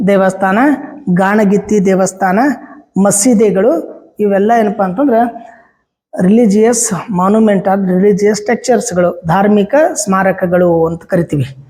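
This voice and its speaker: A man's voice: high-pitched, mellow, big-room sound, rough recording. A man teaching a history class in a North Karnataka Kannada accent, chatty and full of rhetorical questions and anecdotes.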